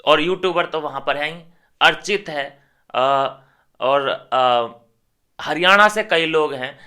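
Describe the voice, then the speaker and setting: A man's voice: a little high, bright, forceful tone, clear, resonant tone. A man commentating on a reality show, ranting heatedly and scornfully straight at his viewers.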